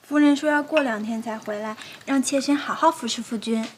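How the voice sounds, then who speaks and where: A young actress playing a coy, clingy teenage concubine in a comedic period TV drama, talking in a sweet, wheedling way. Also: female voice, on the high side, fairly quick, breathy edge. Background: background music.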